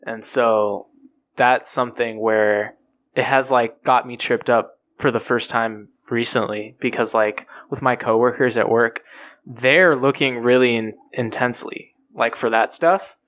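This man's mid-range voice moves a little slowly as he chats loosely among friends. His talk wanders, is heavy with fillers, and he chuckles at the stories he tells.

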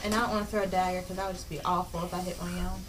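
A woman's voice: lowish voice, little pitch movement, racing, noisy background. A woman playing a tabletop game, chatting casually in a slangy, joking, sweary way. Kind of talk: casual chat. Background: music.

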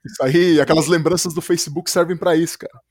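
Enthusiastic podcast host, dry sound. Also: male voice, fairly high pitch, steady tone, quick pace, a little mellow, no room sound. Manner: enthusiastic, repeats words for emphasis. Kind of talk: casual podcast interview.

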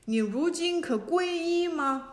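A woman's voice: very high voice, animated, slow, pitched above the performer's own voice, heavily acted. A woman voicing a stern, merciful female bodhisattva who scolds a demon. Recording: echoey room.

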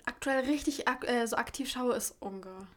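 Young woman, kinda high voice, chatting super animated w slang and laughs. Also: normal speed. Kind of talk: casual chat.

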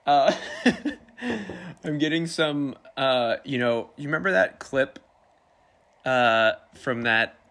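A man's voice: mid-range voice, expressive, slow pace, a bit bright. A man chatting casually and rambling over a video call, laughing often. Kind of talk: casual chat.

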